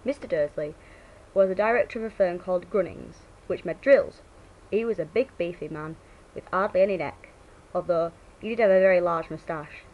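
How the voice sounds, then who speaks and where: A woman's voice: on the low side, normal speed, phone-quality sound. A woman with a Yorkshire accent, speaking informally as she gives a read-aloud sample of her accent. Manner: informal, drops the word "the". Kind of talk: reading a book aloud as an accent sample, with casual asides.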